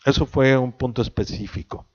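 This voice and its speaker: A man preaching a sermon, reading a long scripture passage aloud and then reflecting on it slowly. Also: medium pitch, slightly rough, lo-fi sound. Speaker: pastor.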